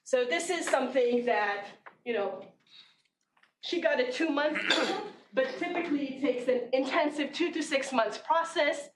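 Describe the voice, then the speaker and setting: A woman's voice: high voice, measured pace. A woman marketing professor giving a conference lecture in a classroom, talking in a conversational way with many fillers and restarts. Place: large classroom. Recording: echoey room with background noise, from far off.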